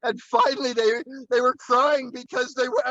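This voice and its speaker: A man does his magic act as a slow, playful storyteller. His voice sits high and bright, and now and then he breaks into excited whoops. The recording is dry and a little dull, with no room around it. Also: no echo. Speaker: magician performing at an open mic show. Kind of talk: storytelling patter during a coin trick.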